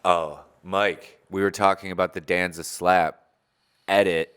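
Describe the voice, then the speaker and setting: A man co-hosting a casual podcast chat, rambling and joking with loud outbursts. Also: low-pitched, steady tone, unhurried, smooth. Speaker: podcast co-host.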